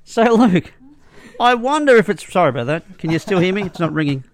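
A man's voice: high voice, very animated, fairly quick. A man hosting a casual interview chat, asking questions in a playful, chatty way. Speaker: podcast host.

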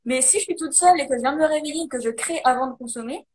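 A woman's voice: sits high, quick pace, darkish tone, a little hiss or hum. A woman in casual conversation, explaining ideas animatedly with many fillers. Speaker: guest, coach. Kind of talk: casual conversation, live video.

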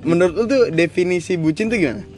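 A man's voice: sits high, expressive, fast talker, music in the background. A young man co-hosting a casual talk show, joking, laughing often and swearing casually. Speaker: podcast co-host. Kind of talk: casual banter.

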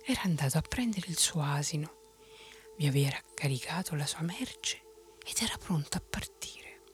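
A woman telling a bedtime story in a soft unvoiced whisper. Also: deep voice, expressive, normal speed, faint music behind.

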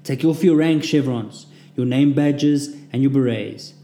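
Man voicing a Russian drill sergeant, thick accent, barking commands, loud, roomy echo. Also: medium pitch, unhurried, lightly acted. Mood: barking orders. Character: tall, brutal male Russian drill sergeant.

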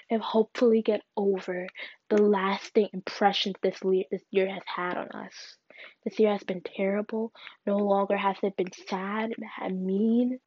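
Young woman, solo podcast host, earnest and halting delivery, dull lo-fi sound. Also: medium pitch, no echo. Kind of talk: solo personal podcast reflection. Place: alone at home. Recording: dull, dry lo-fi recording.

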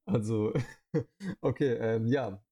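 A young man in his twenties rambles casually as a podcast co-host, dropping plenty of fillers. His voice is mellow and warm, captured through a headset microphone. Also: medium pitch, slow pace, husky. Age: 20s.

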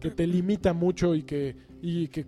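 A chatty podcast host, speaking in a fairly high but mellow voice. He rambles and jokes in a relaxed way, with faint music playing underneath. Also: moderate pace. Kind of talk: casual chat.

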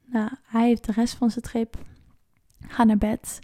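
A woman's voice: fairly high pitch, flat delivery, unhurried, warm tone, no room sound, studio quality. A woman coaching viewers through an online challenge, explaining in a chatty, informal way and sometimes searching for words.

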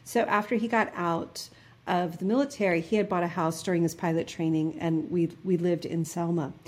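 A woman's voice: fairly low pitch, steady tone, moderate pace, darkish tone. A woman in her fifties from New Jersey, guest in an interview, telling personal stories earnestly with many fillers and restarts. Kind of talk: reflective interview conversation.

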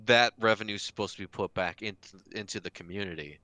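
Lower, bright-voiced man, lots of "like". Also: fast talker, no room sound. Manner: animated, heavy use of "like", many restarts. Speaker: podcast co-host. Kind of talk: casual chat.

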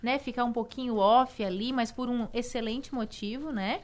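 A woman's voice: fairly high pitch, moderate pace. A woman who co-hosts a radio talk show and trained as a journalist, speaking in an announcer-like way and laughing easily.

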